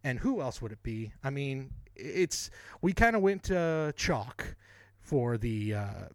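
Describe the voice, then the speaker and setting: A man's voice: mid-range voice, very animated, slow, no echo. A man co-hosting a podcast in casual chat, rambling and correcting himself as he goes, often laughing. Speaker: podcast co-host.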